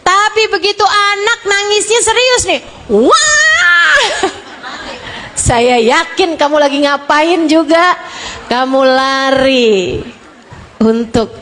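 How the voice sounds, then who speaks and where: A woman preacher giving a sermon to women, emphatic and expressive, stretching key words and swinging between soft and loud. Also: sits high, slight background noise. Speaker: Islamic preacher.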